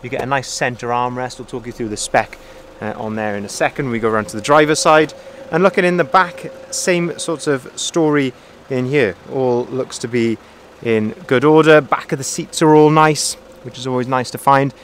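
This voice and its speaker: A man's voice: medium pitch, moderate pace. Car sales guy doing a walkaround outside, friendly, a bit of lot noise. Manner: friendly, methodical, repeats phrases. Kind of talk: walkaround vehicle review. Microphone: handheld phone camera, filming himself off-screen.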